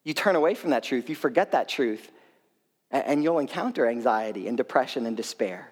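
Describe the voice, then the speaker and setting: A man preaching a sermon as pastor, talking in a conversational, emphatic way that swings between loud, high bursts and quiet, low lines. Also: expressive, a little fast. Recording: long hall reverb.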